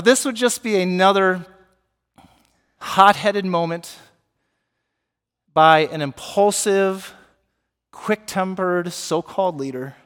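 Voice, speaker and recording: A man delivers a sermon from the pulpit, lively and engaging, often turning to quiz the congregation. His voice sits high for a man. The sound carries a long reverb from the church sanctuary. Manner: animated, asks the congregation questions. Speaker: pastor.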